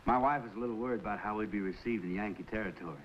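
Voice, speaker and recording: An actor playing an easygoing young country doctor with a Southern accent and a folksy drawl, in a 1950s TV western. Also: male voice, on the low side, racing, background noise, close to an everyday voice. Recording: dull lo-fi old TV soundtrack.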